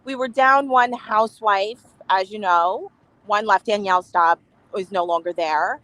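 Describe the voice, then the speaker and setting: A woman's voice: medium pitch, unhurried, a bit bright, low-quality recording. A woman guest on a remote call with a bad connection, chatting emphatically and laughing often. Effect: remote call audio with a bad connection. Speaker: reality TV cast member, guest. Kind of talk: casual chat interview. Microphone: remote video call.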